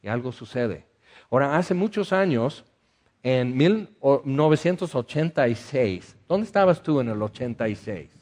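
A man with a Mexican accent preaching a sermon, telling a story and acting out the dialogue in a lively, conversational way. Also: medium pitch, a little slow. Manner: animated, acts out dialogue, conversational asides. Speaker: pastor.

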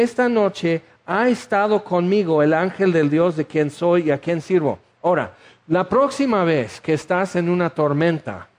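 A man preaching a sermon, animated, often asking his listeners questions and acting out the scenes he tells. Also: on the high side. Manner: animated, asks the audience questions, acts out scenes.

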